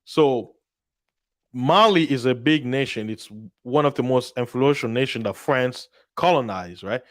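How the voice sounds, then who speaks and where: A man in casual political discussion, telling a story in an animated way and acting out the voices of the people he quotes. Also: medium pitch, unhurried, no echo, studio quality.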